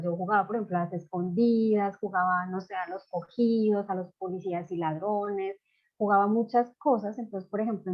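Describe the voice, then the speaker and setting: A woman's voice: mid-range voice, lo-fi sound. A woman teaching parents in an informal online masterclass, talking loosely with many fillers. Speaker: parenting educator.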